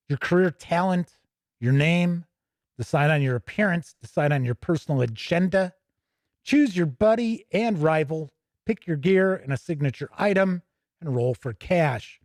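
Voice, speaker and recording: A man hosting a tabletop gaming show flips through a rulebook, casually thinking out loud and wandering into asides. His voice sits on the high side with a darkish tone, recorded in studio quality with no echo.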